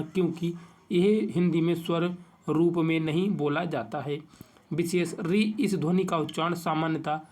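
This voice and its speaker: A man teaching an exam-prep grammar lesson, reading out definitions and slowly stretching each vowel he lists. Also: a little high, darkish tone.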